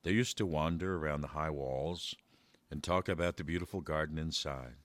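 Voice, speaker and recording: A man reading a children's story aloud in a measured way, slowing down for verse. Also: very deep voice, a bit bright, no echo.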